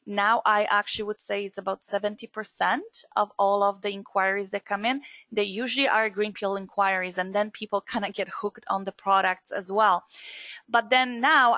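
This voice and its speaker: Woman from Poland, webinar presenter, chatty and filler-heavy, bright tone, dry mic. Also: medium pitch, no room sound. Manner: chatty, many fillers and asides. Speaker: skincare distributor presenter.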